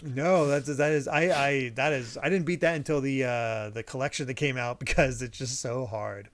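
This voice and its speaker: A man's voice: mid-range voice, steady tone, moderate pace, a little hiss or hum. A man hosting a casual gaming podcast, chatty and upbeat, laughing often. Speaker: podcast host.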